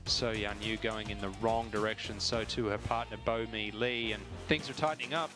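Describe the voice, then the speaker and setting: A man's voice: on the low side, steady tone, normal speed, over music. A man giving live television golf commentary as a commentator.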